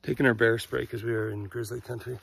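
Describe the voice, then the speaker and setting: A man's voice: mid-range voice, flat delivery, fast, gravelly, a bit bright. A man in his forties vlogging to a phone at arm's length outdoors in the woods, rambling with restarts and sounding frustrated. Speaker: family travel vlogger. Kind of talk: casual vlog talk to camera. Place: outdoors on a forest road and woods. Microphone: phone held at arm's length. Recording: noisy outdoor recording.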